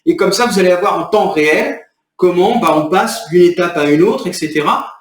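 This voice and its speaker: A video creator with a high-pitched voice talks fairly quickly to the camera, irritated and rambling as he explains his next video and vents. The agitated vlog was recorded off mic from a distance in an echoey room.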